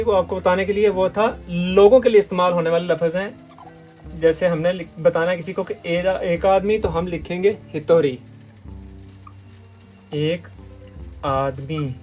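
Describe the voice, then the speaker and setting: A man's voice: high voice, fairly even intonation, measured pace, pauses often, darkish tone, soft background music. A man from Pakistan teaching a language lesson, repeating words and often checking in with the listener. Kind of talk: patient classroom lesson.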